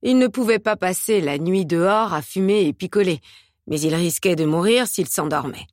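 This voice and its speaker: A woman with a fairly low voice reads the narration of an audiobook. Her delivery is measured and steady. The sound is dry and close, with no room around it. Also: no echo.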